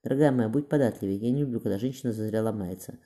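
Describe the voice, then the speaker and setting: A cruel nobleman who gives hard, threatening orders, read by a man in his own voice. The voice is dark and low in tone, and the lines come quickly. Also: lightly acted. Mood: menacing. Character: menacing brutal nobleman, cold and cruel.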